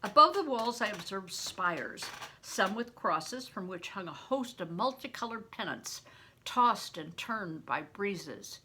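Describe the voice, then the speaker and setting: An older woman, a grandmother, reads a story aloud with expression, as though to children, in a mid-range voice with lively intonation. She speaks slowly, and there is background noise. It's read-aloud audiobook narration with plain asides.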